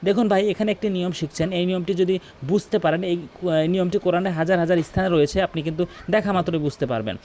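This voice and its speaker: A man teaching Quran recitation in a lesson, explaining each sound and then chanting the verse slowly. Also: sits high, a little mellow, slight background noise.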